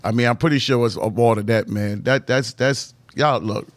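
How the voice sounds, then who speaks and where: A man's voice: mid-range voice, steady tone, moderate pace, dry recording. A male sports show host, talking loosely and slightly slurred from retainers in his mouth as he jokes and reads out stats. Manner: laid-back, joking, reads stats aloud. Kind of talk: casual sports interview.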